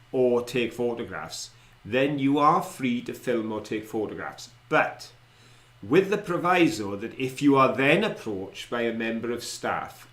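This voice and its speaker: A man's voice: medium pitch, fairly bright tone. A middle-aged man with a South Wales Valleys accent, co-hosting an online show and chatting casually to viewers. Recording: roomy, echoey indoor sound.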